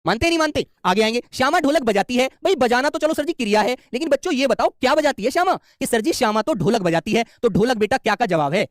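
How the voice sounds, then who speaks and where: A man's voice: extremely high pitch, expressive, fast talker, hardly any pauses, dry recording, studio quality. A man teaching an exam-prep class in a fatherly, coaxing way, often asking "hai na?" and calling his students beta. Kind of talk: online class lecture.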